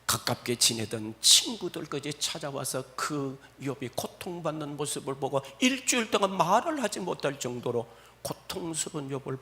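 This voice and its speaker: Pastor, male, high and bright, dramatic swings from shouts to near-whispers in a Sunday sermon. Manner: dramatic, swings between loud exclamations and hushed asides. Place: church service.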